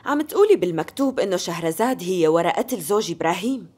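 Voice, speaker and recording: A woman's voice: fairly low pitch, animated, very fast, darkish tone, breathy edge. A woman with a Syrian Arabic accent dubbing a proud, distrustful sultan's sister, cool and suspicious. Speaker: dub actress. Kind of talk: dubbed TV period drama.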